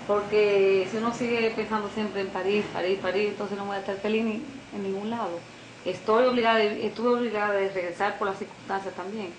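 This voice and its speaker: A woman's voice: medium pitch, steady tone, brisk. Hesitant Dominican woman in an echoey room. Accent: Dominican Spanish. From Dominican Republic. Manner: hesitant, searching for words. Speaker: piano and French teacher. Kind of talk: interview answers. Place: living room on a sofa. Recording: echoey room, noisy old video tape.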